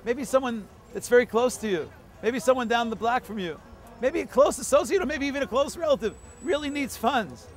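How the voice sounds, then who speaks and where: A man's voice: extremely high pitch, lively intonation, a little fast, faint music behind. A man, a rabbi, giving a holiday video message outdoors in a city, teaching through stories and Hebrew quotations.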